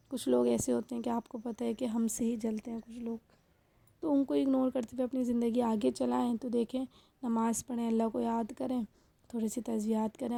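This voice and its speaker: A woman's voice: a little high, creaky, mellow, no room sound. A young adult woman, a housewife vlogger, chatting casually and directly to her viewers about her home day. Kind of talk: casual home vlog chat.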